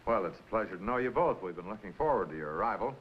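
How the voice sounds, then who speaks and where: An actor playing a deep-voiced friendly rancher. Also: male voice, animated, very fast, lightly acted. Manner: friendly, hospitable. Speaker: rancher, the boy's uncle. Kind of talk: 1950s TV western acting. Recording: dull lo-fi old TV soundtrack, hiss.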